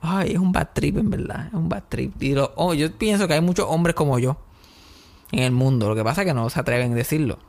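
Podcast host, young Puerto Rican man, slightly higher voice, lively comic storyteller. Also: a little fast, vocal fry. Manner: animated, mixes in English words, acts out scenes. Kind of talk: casual comedic storytelling.

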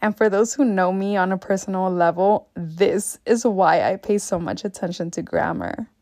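A woman's voice: mid-range voice, normal speed, darkish tone, no room sound, clean studio sound. A young woman hosting a podcast, telling personal stories in a candid, casual way with some swearing. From Mexico and Texas. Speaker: podcast host. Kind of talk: personal storytelling monologue.

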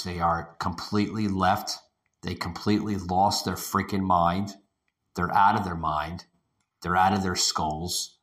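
Deep-voiced man talking in an echoing room. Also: bright, forceful tone. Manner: rambling, repeats himself, swears casually. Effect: echoing room sound. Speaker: podcast host. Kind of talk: casual ranting podcast monologue. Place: echoey room not normally used for podcasting. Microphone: home podcast setup over internet connection.

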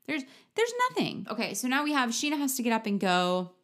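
A woman's voice: fairly high pitch, very animated, a little fast, fairly bright tone. Blunt, opinionated woman. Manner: opinionated and blunt, with frequent restarts. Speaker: podcast host. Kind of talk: casual reality TV recap.

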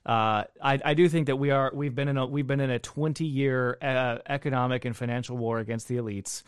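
A man hosting a casual talk show, energetic and jokey, with quick asides. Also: medium pitch, clear, resonant tone, no room sound, studio quality. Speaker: podcast host.

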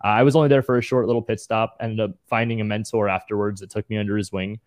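Man, 20s, podcast guest; deep-ish, casual, slangy, dry close sound. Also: fast, no echo. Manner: relaxed, slangy storytelling. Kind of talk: casual interview.

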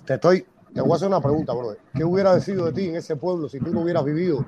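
Man, fairly high voice, pushy questions, muffled noisy sound. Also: very fast, a crowd in the background. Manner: insistent, keeps repeating his question. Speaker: caller. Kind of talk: live argument. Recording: muffled with loud noise.

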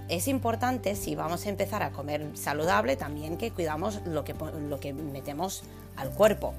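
A woman hosting a casual podcast interview, chatty, with frequent fillers and restarts. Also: sits low. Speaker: podcast host.

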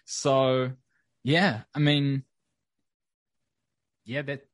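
A young man from New Zealand with a New Zealand accent, chatting casually as a podcast guest in a relaxed, rambling way. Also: medium pitch, extremely slow, no echo. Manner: relaxed, rambling with many fillers. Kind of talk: casual interview.

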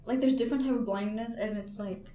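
A nineteen-year-old woman, a podcast guest speaking softly and hesitantly in a casual chat. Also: fairly high pitch, fairly even intonation, fast. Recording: echoey room with faint noise.

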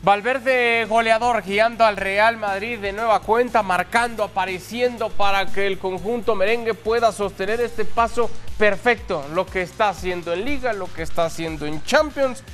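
A man's voice: high voice, moderate pace, hardly any pauses, fairly bright tone, soft background music. A man hosting a football talk show, presenting and passing questions to his colleagues. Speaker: sports show host.

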